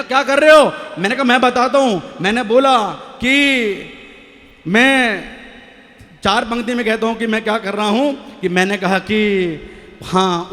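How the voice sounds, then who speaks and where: Male stage comic poet, high voice, jokey storyteller who banters with the crowd, reverberant live mic. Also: a bit bright. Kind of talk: comic poetry recital.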